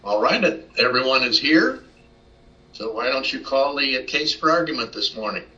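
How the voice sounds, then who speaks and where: Bright-voiced male judge, slightly distant. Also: medium pitch, expressive, moderate pace. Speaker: presiding judge. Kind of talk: courtroom questioning and directions. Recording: dull, distant microphone pickup.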